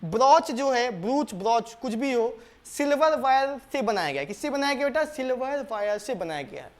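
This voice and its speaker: Speaking in an extremely high, expressive voice, a man walks his students through a board exam maths problem one step at a time. Patient and coaxing, he calls them "beta," poses questions he then answers, and goes over key steps again. The English question he reads out slowly, each word separately.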